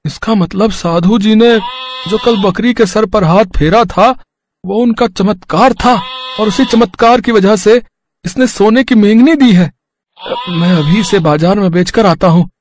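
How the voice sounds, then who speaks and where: A man's voice: high voice, a little slow, slight background noise. A man voicing a poor, humble goat farmer who talks simply and earnestly in a cartoon story.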